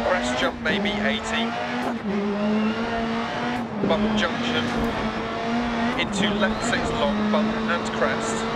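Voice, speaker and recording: A man playing a focused rally co-driver, reading rapid pace notes in clipped, terse instructions. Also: sits high. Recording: loud car engine and road noise. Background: racing rally car.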